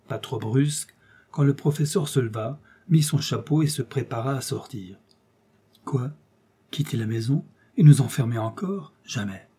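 A man narrating a classic adventure novel in the first person, with expressive, measured storytelling. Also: mid-range voice, slightly rough. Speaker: audiobook narrator.

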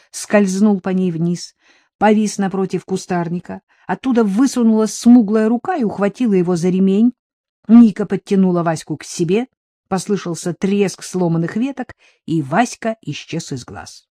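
A woman reading a story aloud in a steady storytelling manner. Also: mid-range voice, normal speed, no room sound, studio quality. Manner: steady storytelling, voices the characters. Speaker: audiobook reader. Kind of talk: scripted narration.

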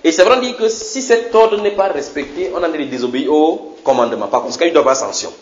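Animated preacher, echoey lo-fi church sound. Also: male voice, on the high side, fast. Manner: animated, repeats words, asks the congregation questions. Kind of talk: sermon teaching.

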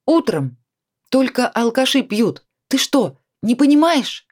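A woman's voice: fairly high pitch, very animated, measured pace, a little mellow, pitched above the performer's own voice. A woman reading a storybook voices an adult woman who scolds and then coaxes her friend. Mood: scolding.

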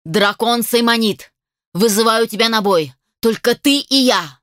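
A power-hungry male phoenix , put on by a woman narrator, growls his threats low and menacing in a lowered voice. The reading is dry and close, with no room around it. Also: a little slow, dry recording, lightly acted. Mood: challenging.

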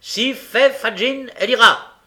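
A man voicing a brutal, domineering male thief who speaks bluntly and loudly. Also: fairly high pitch, sing-song, unhurried, gravelly, heavily acted. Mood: gruff.

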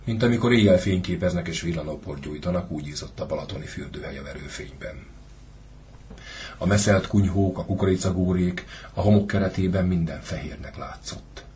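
A man with a deep, low voice narrates a classic literary story for an audiobook. His delivery is measured and steady. A faint hiss runs under the recording.

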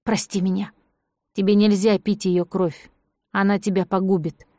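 A woman reading an audiobook voices a sick, manipulative man who speaks low, quiet and controlled. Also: level tone, moderate pace, dry recording, clean studio sound, natural voice. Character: sick, manipulative male accomplice, calm and cold.

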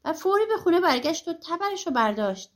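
A woman reads a folk tale aloud in a lively, animated storytelling style. Her voice is high and clear. She narrates for an audiobook.

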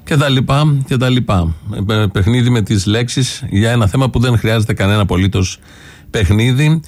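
A man's voice: mid-range voice, a little mellow. A man hosting a radio political commentary show, sarcastic, listing his points one by one. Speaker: radio host.

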